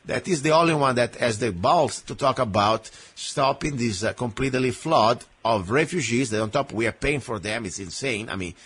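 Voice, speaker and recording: An Italian man with an Italian accent hosts an opinionated political radio talk show, speaking emphatically with many "uh"s and "you know"s. His voice is medium-pitched, fairly bright and husky, at a moderate pace with few pauses.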